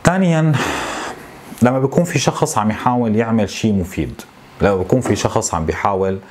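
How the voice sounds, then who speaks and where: A man in his thirties with a Syrian Arabic accent, venting to camera in a frustrated, complaining way, with halting repetitions. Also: fairly low pitch, lively intonation, darkish tone, a little hiss or hum. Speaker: tech YouTuber. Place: small home office, indoors.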